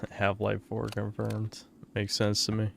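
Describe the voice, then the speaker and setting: A man's voice: fairly low pitch, completely flat delivery, slow, gravelly, slight background noise. A man casually commentating a game on a live stream, swearing and reacting aloud as he plays.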